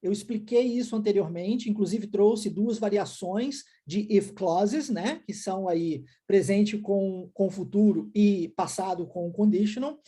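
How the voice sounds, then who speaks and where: A man with a Brazilian Portuguese accent teaching an online English lesson, energetic and repeating words slowly for the learner to copy. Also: high-pitched, husky.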